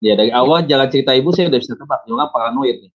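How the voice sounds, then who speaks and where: Calm pastor man, dull lo-fi sound. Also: medium pitch, racing. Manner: calm, explanatory. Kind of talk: counseling talk.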